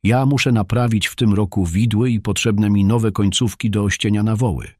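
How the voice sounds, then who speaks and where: A man's voice: lowish voice, fairly even intonation, moderate pace, a little mellow, dry recording, studio quality, close to an everyday voice. A man voicing a poor farmer who grumbles about costs. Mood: grumbling. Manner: grumbling complaint.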